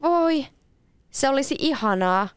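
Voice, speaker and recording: A curious little girl speaks up, as a woman reader puts her on, her voice lifted high and full of eager wonder. She sounds polite and excited. The tone is smooth and clean, with no room around it. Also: no echo, studio quality. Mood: delighted. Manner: wide-eyed, eager, breathless with wonder. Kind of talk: storybook read-aloud.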